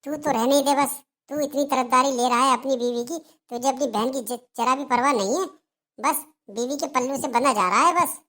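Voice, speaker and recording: A woman's voice: sits high, normal speed, fairly bright tone. A woman voicing a dramatic, complaining older mother-in-law in a Hindi cartoon, taunting and wailing about her family. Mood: scolding.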